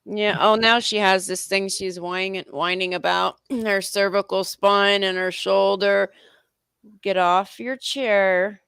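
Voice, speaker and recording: A woman's voice: mid-range voice, level tone, a little slow, vocal fry, few pauses, fairly bright tone, clear, resonant tone, no echo, studio quality. A woman co-hosting a livestream, making blunt, wry remarks in casual chat. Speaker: livestream co-host.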